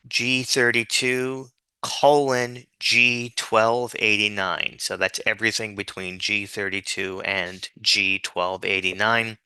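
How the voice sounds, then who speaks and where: A man with a fairly low, sharp, smooth voice, recorded with no echo, walks through a spreadsheet tutorial as an instructor in an informal, patient, step-by-step way. He dictates formulas bit by bit, spelling out each letter and symbol.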